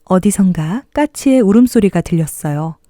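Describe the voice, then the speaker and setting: A woman reads a bedtime fairy tale as if to a toddler. Her voice is very dark and soft-edged, with gentle, expressive storytelling, recorded dry and close. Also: medium pitch, normal speed, no echo. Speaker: storybook narrator. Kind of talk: bedtime fairy tale narration for young children.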